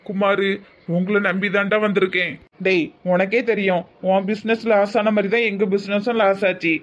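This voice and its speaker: A man's voice: sits high, flat delivery, normal speed, natural voice. A man voicing a broke cartoon businessman who pleads with his friends for help, with a Tirunelveli Tamil accent. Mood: pleading. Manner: pleading, bitter.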